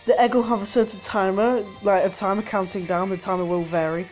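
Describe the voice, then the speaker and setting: Her medium-pitched voice is brisk and darkish, with fairly even intonation, over soft background music. At home, with the street outside, the game channel host gives relaxed gameplay commentary, rambling and frequently stumbling and correcting herself.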